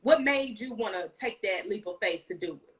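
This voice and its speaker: A woman's voice: medium pitch, animated, normal speed. A woman in her thirties with an Alabama Southern accent, hosting a casual live interview in an encouraging, emphatic way. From Alabama, United States. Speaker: interview show host. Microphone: phone at arm's length, video call.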